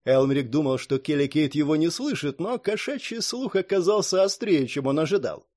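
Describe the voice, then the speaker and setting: A man reads fantasy fiction aloud with expressive storytelling. His voice sits a touch high for a man and moves through a wide pitch range. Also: moderate pace. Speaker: audiobook narrator. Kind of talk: expressive fantasy audiobook narration.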